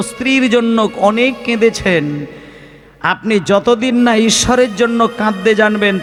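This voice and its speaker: High-voiced impassioned male kirtan preacher. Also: big-room sound. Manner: impassioned, rhetorical questions to the audience. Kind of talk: devotional sermon with chanting. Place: devotional gathering with live music.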